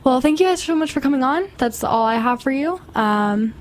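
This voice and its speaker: A woman's voice: sits high, lively intonation, moderate pace, slight background noise. A woman hosting a campus radio show, interviewing a guest and reading announcements in an upbeat way.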